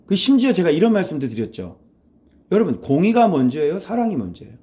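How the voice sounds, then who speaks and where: A pastor preaches a conversational morning devotional, firing rhetorical questions at listeners, acting out quoted voices, and slipping into blunt informal speech. His voice sits high and is sing-song, fast, and dark in tone.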